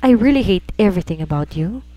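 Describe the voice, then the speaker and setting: A woman's voice: on the low side, lively intonation, moderate pace, natural voice. A woman voicing an angry, drunk young man who coldly pushes a woman away in an audio romance story. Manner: cold, cutting, shouting.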